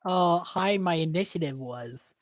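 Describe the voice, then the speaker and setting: A woman's voice: lowish voice, unhurried, dry recording. A woman running a tabletop game as game master, guiding the players step by step over an online voice call. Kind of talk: casual tabletop game chat.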